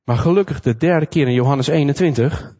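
Male preacher, fairly high voice, vivid storyteller who acts out quotes; slightly dull recording. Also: fairly quick. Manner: lively storytelling, acting out quotes. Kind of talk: sermon retelling a Bible passage.

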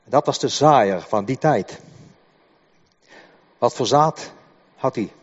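An older man delivers a sermon in a church hall, his husky voice trailing into a long reverb. He speaks haltingly, repeating words as he works through his explanation. The recording is dull and muffled. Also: mid-range voice. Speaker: preacher.

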